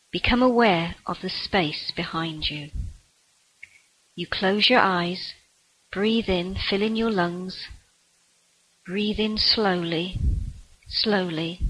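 A woman guiding a relaxation meditation in a soft, breathy voice that sometimes drops to a whisper. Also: on the low side, low-quality recording. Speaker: meditation guide.

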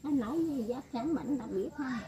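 A woman's voice: sits high, expressive, a little fast, background noise. An elderly woman talking in a rambling, casual way, often laughing as she speaks. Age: older. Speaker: elderly woman being interviewed.

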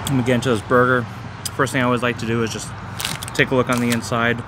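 Male food vlogger, mid-pitch, chatty and halting with fillers, loud diner noise behind. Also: flat delivery. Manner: thinks aloud with many ums and uhs. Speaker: restaurant reviewer. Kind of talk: casual food review vlog.

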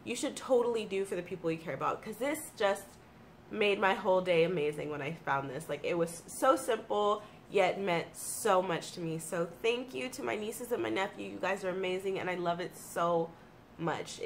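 A woman's voice: mid-range voice, normal speed. An American woman in her thirties, congested with allergies, chatting casually and enthusiastically to camera in a home room. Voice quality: congested, slightly froggy from allergies. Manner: informal, enthusiastic, self-deprecating. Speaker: video blogger and streamer. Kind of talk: casual chatty favorites vlog. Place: small home room with computer desk. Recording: clear background room noise.

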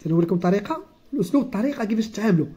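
A teacher with a Moroccan accent explaining a textbook lesson, repeating key words and reading textbook lines slowly. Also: mid-range voice, expressive, dark tone. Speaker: primary school teacher.

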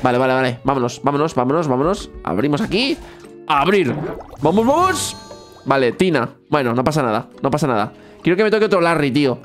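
Excitable man doing gameplay commentary. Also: on the high side, faint music behind. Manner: excitable, repeats words in quick bursts, yelps when he wins. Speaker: gaming youtuber.

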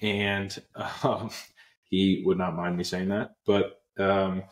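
A young man from Pennsylvania, USA, is a guest on a video call, using earbuds, and earnestly shares his story as an app co-founder in casual interview style, full of fillers and restarts. His voice is deep and slow with little pitch movement. The small indoor room makes the recording echoey.

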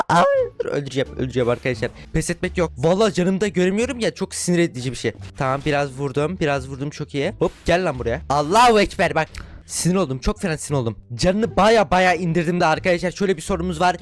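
A young man with a Turkish accent giving excitable gameplay commentary to his viewers, shouting in frustration and cheering during fights. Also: fairly high pitch, quick pace. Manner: loud bursts of frustration and cheering while fighting. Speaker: gaming YouTuber.

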